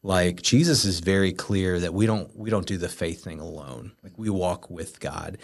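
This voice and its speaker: A middle-aged man hosts a prayer teaching series, teaching in a casual, conversational style with informal, loosely phrased talk. His low voice moves at normal speed and has vocal fry.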